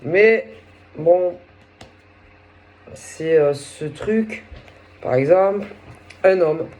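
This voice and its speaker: Nursing a sore throat and head cold, a female tarot reader stumbles through a relaxed reading, frequently groping for the right word. She has a lowish, mellow voice.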